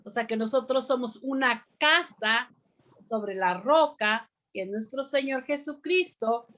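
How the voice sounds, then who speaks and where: A woman teaches a bible lesson to a group of women, her voice on the high side and a bit bright. She speaks deliberately, frequently pausing on "amén" to put questions to her listeners.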